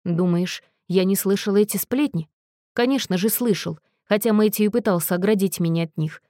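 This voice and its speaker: A woman voicing a gentle, earnest young man who speaks in a soft, measured, reproachful way. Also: medium pitch, no room sound, clean studio sound, lightly acted. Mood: firm, reproachful.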